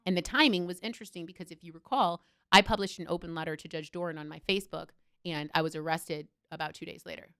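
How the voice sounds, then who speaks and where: Brief: former-judge guest, woman, fast and forceful, fired up and emphatic. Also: lowish voice, steady tone, clean tone. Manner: impassioned, emphatic storytelling. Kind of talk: candid interview talk.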